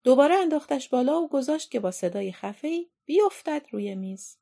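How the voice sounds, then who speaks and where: Woman narrator for children's book reading, higher voice, animated delivery. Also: vocal fry. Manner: expressive, measured reading. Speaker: storyteller. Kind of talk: storybook reading.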